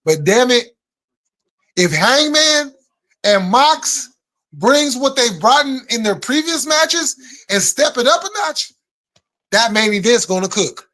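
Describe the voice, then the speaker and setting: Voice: medium pitch, big pitch swings, takes it slowly, pauses often, bright, forceful tone. Casual, slangy live stream host. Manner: informal, slangy, swearing. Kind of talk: casual live chat, talking to viewers.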